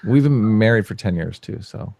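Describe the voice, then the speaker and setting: A man's voice: lowish voice, animated, normal speed, creaky, a little mellow, dry recording. A man in his forties, an easygoing and joking guest in a casual interview. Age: 40s.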